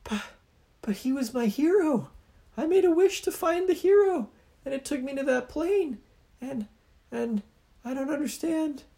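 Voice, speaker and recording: A man's voice: on the high side, expressive, moderate pace, gravelly, dark tone, husky, voice pushed up, heavily acted. A man voicing an earnest, insistent little girl who pleads and scolds. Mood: bewildered.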